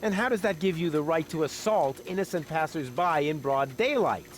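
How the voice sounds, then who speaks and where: Animated, cocky young game hero played by a man. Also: fairly high pitch, moderate pace, slight background noise, close to an everyday voice. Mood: glib, curious. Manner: glib, hesitant stammering when challenged. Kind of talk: animated adventure game dialogue.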